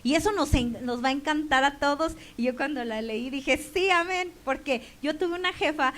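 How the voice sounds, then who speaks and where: A middle-aged woman with a Mexican Spanish accent delivers a sermon in a high voice. She tells stories from her own life and acts out the dialogue of the people in them. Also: normal speed. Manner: storytelling, acting out quoted dialogue. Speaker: preacher.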